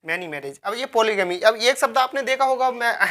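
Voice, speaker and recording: Woman teacher repeating words slowly. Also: fairly high pitch, fairly bright tone. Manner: repeats key words and asks herself questions; spells words out letter by letter. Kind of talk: vocabulary lecture.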